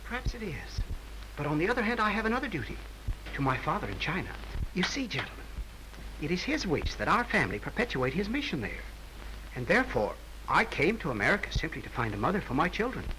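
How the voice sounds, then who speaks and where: A man's voice: on the high side, sing-song, fast. An actor playing an earnest, courteous young man with formal, flowery phrasing in a 1930s comedy film. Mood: hesitant, earnest. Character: earnest, courteous young man raised among missionaries in China. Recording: hissy 1930s film soundtrack.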